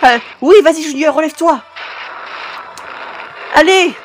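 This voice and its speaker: A woman hosting a reaction video, excitedly cheering, swearing at the screen and turning hushed when moved. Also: a little high, moderate pace, slight background noise. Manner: turns hushed and emotional at sad moments. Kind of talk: live reaction commentary.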